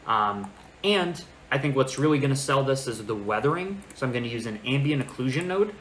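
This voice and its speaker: Man, low voice, casual tutorial, thinking aloud, roomy lesser microphone, fan noise. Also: expressive, a little fast, a bit bright. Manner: informal, thinking aloud while working. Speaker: tutorial presenter. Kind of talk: casual screen-recorded software tutorial. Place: small indoor room. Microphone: makeshift microphone, not the usual good one. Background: fan noise, computer keyboard.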